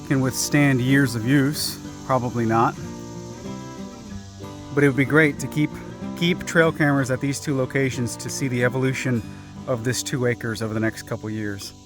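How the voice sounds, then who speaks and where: A man talks to his handheld camera out in a cleared patch of woods, chatty and a little self-deprecating. His pitch sits in an ordinary middle range. Faint guitar music plays softly behind him. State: slightly out of breath. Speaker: vlogger working his land. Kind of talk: casual vlog talk to camera. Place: outdoors on a wooded clearing.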